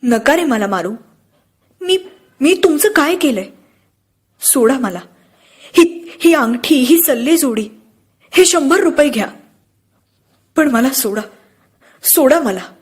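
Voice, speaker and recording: A woman's voice: sits high, animated, takes it slowly, long pauses, pitched above the performer's own voice. A woman voicing a terrified man begging for mercy. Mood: pleading. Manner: pleading, faltering. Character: frightened middle-aged man begging for his life.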